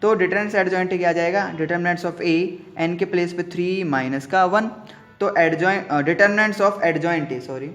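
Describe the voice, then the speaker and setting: A man's voice: high voice, takes it slowly, fairly bright tone. A man with an Indian accent teaching a math lesson, mixing in English terms and working through each step by asking and answering his own questions.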